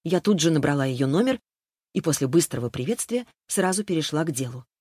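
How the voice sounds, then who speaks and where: A woman narrating a novel in first person, keeping an even storytelling pace. The sound is dry and close, with no room around it. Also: deep voice, a little fast, breathy edge, no echo. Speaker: audiobook narrator.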